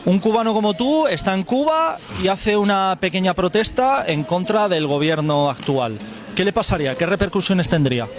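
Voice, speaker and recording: A man's voice: sits high, lively intonation, moderate pace. A man interviewing a passer-by outdoors in a city, asking direct, probing questions. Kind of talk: street interview.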